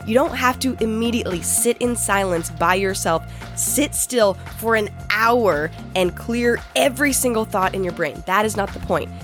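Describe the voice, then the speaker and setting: A woman's voice: medium pitch, a bit bright. A woman speaking as a podcast host, casual and conversational, repeating phrases for emphasis. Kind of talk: casual scripted podcast introduction.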